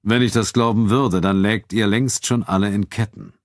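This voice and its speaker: A man voicing a calm, cold-voiced town official. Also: fairly low pitch, dry recording, clean studio sound, pitched above the performer's own voice, close to an everyday voice. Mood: calm firm. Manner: calm, measured, quietly firm.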